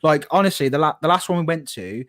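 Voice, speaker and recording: A man's voice: a little high, animated, fast, fairly bright tone. A British man co-hosting a podcast, chatting casually and rambling with lots of fillers and restarts. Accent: British English. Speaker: podcast co-host. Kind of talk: casual chat.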